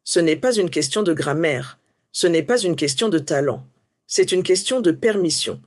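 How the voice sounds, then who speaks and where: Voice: mid-range voice, expressive, normal speed, no room sound, studio quality. A French teacher delivering a scripted motivational lesson, coaching the listener with many rhetorical questions.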